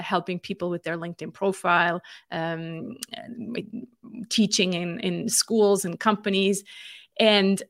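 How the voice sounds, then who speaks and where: A Swiss marketing consultant in her forties tells her story as a guest in a conversational interview. Her voice sits on the low side and is captured with studio quality and no echo, and she is reflective, using many fillers and small restarts.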